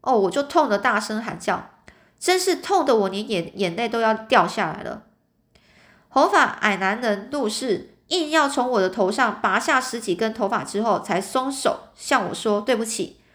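A woman's voice: on the high side, expressive, normal speed, a bit bright. A woman reading a detective storybook aloud in a casual way, with many filler particles.

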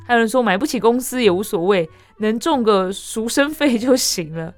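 A woman podcast host, chatting casually and reading out online comments in a lively way, with frequent exclamations and laughter. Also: a little high, moderate pace, no echo, faint music behind. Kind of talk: casual chat reading netizen stories.

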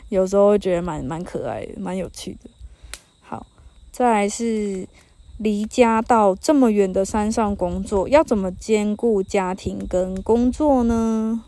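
A woman's voice: medium pitch, dark tone, no echo. Taiwanese woman in her 30s, easygoing podcast chat by a campfire, quotes folks, laughs a lot. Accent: Taiwanese Mandarin. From northern Taiwan. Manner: chatty storytelling, quotes people, laughs often. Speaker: podcast host. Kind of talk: casual solo podcast chat. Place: mountain campsite by a campfire.

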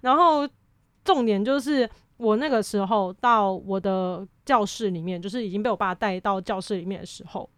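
Young woman, animated storytelling, dry close sound, mid-pitched. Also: dry recording. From Taiwan. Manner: animated, acts out quotes, many quick "right, right" fillers. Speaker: podcast guest. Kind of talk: casual storytelling chat.

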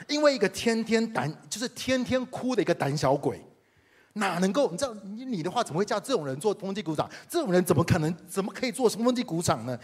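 Speaking quickly in a high, slightly rough voice, a pastor from Taiwan with a Taiwanese Mandarin accent recounts a personal story in his sermon. He delivers it with animation, talking directly to the congregation.

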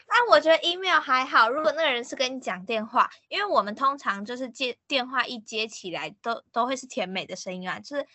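A woman's voice: high voice, animated, a little fast, hardly any pauses, bright, forceful tone, no echo. A woman, co-hosting a casual podcast chat with playful, teasing replies. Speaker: podcast co-host.

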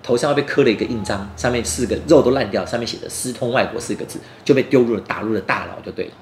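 A man telling a story to children in an animated way, explaining as he goes and often asking the young listeners questions. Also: mid-range voice, racing. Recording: roomy echo, faint background noise.

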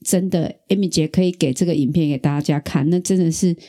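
A middle-aged woman from Taiwan hosting a podcast, telling a personal story in a lively, chatty way. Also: sits low, a little fast. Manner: animated storyteller, acts out quoted voices. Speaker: podcast host. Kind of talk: casual storytelling.

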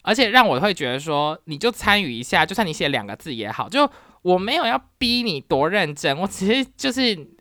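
A young adult university teacher telling a story in a casual podcast, animated and dropping English words into the talk. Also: mid-range voice, brisk, no echo, studio quality.

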